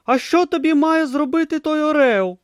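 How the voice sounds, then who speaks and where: A man's voice: moderate pace, no echo, clean studio sound. A man voicing a timid, naive young male novice monk, anxious and flustered in an audiobook. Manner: anxious, flustered, high and breathless. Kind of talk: audiobook character voice.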